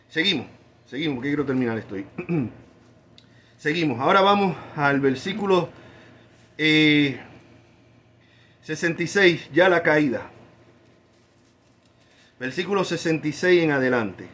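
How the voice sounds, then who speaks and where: A man preaching a sermon, stressing key words by drawing them out slowly. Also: on the high side, fairly bright tone, a little hiss or hum. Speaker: pastor.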